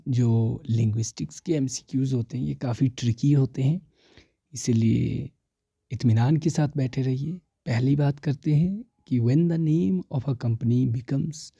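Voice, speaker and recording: A man's voice: mid-range voice, gravelly, warm tone, slightly rough, no echo, dull audio. A man teaching an exam prep lesson, mixing English terms into his explanations and repeating the key answers.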